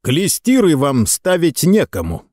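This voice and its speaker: A man's voice: on the high side, wildly swooping pitch, unhurried, a little mellow, no room sound, clean studio sound, pitched above the performer's own voice. A man voicing a stern, bossy middle-aged male ship captain who gives curt, barked commands.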